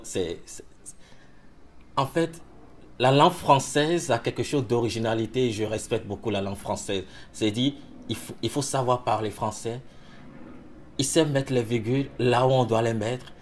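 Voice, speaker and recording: A man speaks in a low register with emphatic, rhythmic repetition. He delivers his words like a passionate testimony. A faint hum of ambience sits beneath him. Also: unhurried. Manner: emphatic, repeats phrases for rhythm. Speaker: interviewee. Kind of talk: impassioned testimony.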